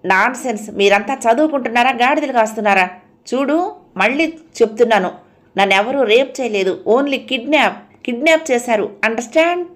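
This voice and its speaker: A woman narrator voicing a defiant young woman student who shouts indignantly. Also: medium pitch, normal speed, natural voice. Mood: furious.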